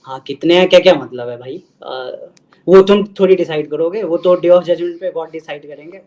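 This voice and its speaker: Mellow young male caller, defensive. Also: on the high side, moderate pace, poor audio. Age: 20s. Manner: defensive, mixes in English. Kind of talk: casual debate call.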